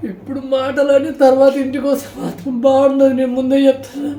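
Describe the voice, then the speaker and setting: A man gives an emotional farewell vlog, speaking in a tearful, halting way. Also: very high voice, monotone, warm tone, roomy sound, soft background music. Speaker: vlogger.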